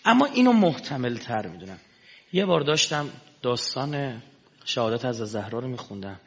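A man giving an impassioned sermon, dropping to a hush and then rising to shouting. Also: medium pitch, very animated. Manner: impassioned, swings between hushed and shouting. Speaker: religious preacher. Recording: echoey hall, dull lo-fi sound.

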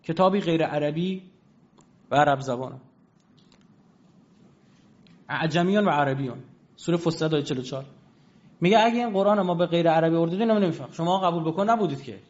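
A man giving an argumentative lecture, firing rhetorical questions at his listeners and slowly reading out dictionary entries and verses. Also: fairly high pitch, expressive, darkish tone. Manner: emphatic, rhetorical questions to the audience. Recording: dull lo-fi recording.

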